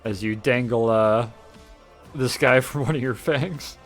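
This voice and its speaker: A man narrating as game master, animated and laughing often as he counts out rolls and moves. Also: mid-range voice, a little slow, soft background music.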